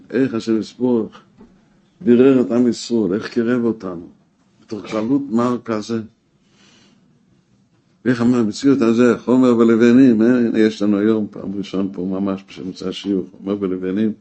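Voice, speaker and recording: A man teaching a weekly Torah class, emphatic, rising to exclamations and dropping low again. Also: mellow. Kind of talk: spoken Torah lesson.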